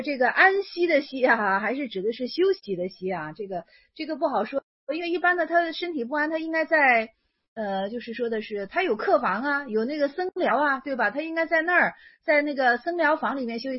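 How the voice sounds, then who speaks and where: A woman's voice: high voice, animated, a little fast, muffled recording. A woman explaining an old Chan koan in a casual lecture, thinking aloud and correcting herself as she goes. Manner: thinking aloud, self-correcting, many fillers.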